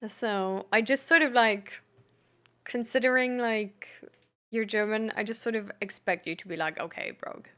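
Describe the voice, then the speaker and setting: With a fairly bright voice on the high side, a woman chats casually as if hosting a livestream, reading and answering messages. She's halting and giggly, with lots of "like" as filler.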